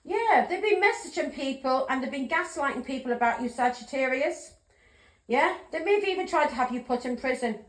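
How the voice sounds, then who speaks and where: A woman's voice: sits high, animated, fairly quick, reverberant, low-quality recording. A middle-aged woman giving a tarot reading, talking bluntly and heatedly, swearing and often asking "yeah?". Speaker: tarot reader. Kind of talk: emotional tarot reading monologue.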